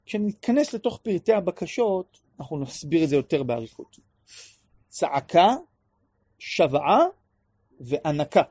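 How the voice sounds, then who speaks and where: A man teaching a class on prayer in an animated way, acting out pleas and sometimes raising his voice to a shout. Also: fairly high pitch, pauses often, breathy edge, no room sound, studio quality. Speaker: religious teacher.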